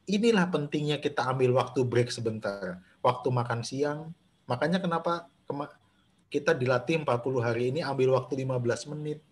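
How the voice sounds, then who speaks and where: A man's voice: mid-range voice, slight background noise. A man, a pastor leading a Bible study over a video call, talking conversationally with many fillers and restarts. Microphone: video call microphone.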